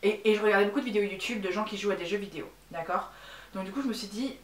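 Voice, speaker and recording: A woman's voice: medium pitch, very fast, distant mic. A French woman in her twenties chatting candidly in a casual vlog, with many fillers and restarts. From France. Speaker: YouTuber. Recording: roomy echo, voice a bit off-mic, faint background noise.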